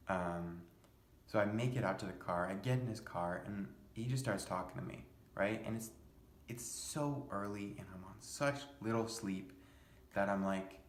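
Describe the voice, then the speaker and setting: A man's voice: sits low, slight background noise. A young man from the United States telling a story in a rambling, exasperated and profane way. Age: young adult. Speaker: vlogger. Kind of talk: casual storytelling. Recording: echoey room.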